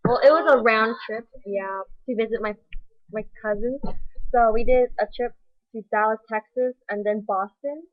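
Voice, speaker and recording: A teenage girl telling a travel story in a slow, halting casual way. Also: on the high side, no room sound. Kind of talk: casual chat. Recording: lo-fi webcam audio.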